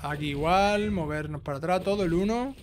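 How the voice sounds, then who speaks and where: With a high voice and a slightly fast delivery, a man with an accent from Spain hosts a trophy guide, explaining a video game walkthrough informally, step by step. He tends to end phrases with a checking tag, and there's slight background noise.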